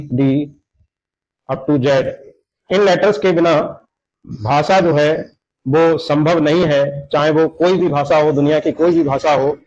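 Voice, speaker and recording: Male teacher, slightly high voice, patient explainer, lo-fi mic. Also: darkish tone. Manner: slow, explanatory, repeats examples. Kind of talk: Hindi grammar lesson lecture. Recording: dull lo-fi sound.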